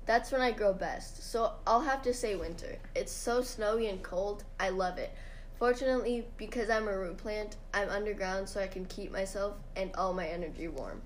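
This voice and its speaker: A woman's voice: mid-range voice, moderate pace, a little hiss or hum, natural voice, low-quality recording. A woman playing an earnest talking rutabaga. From Sweden. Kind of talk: mock interview role-play.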